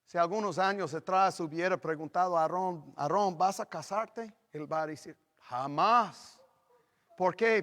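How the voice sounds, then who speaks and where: A middle-aged man preaching a sermon as pastor, talking slowly and rising suddenly to loud acted quotes. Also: high-pitched, smooth. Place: church sanctuary. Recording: long reverb of a church hall.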